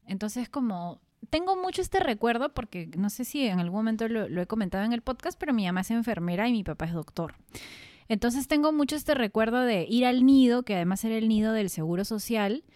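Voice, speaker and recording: A woman's voice: medium pitch, darkish tone, no room sound, clean studio sound. A young woman, co-hosting a podcast in casual chat, thinking aloud with many fillers. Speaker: podcast co-host.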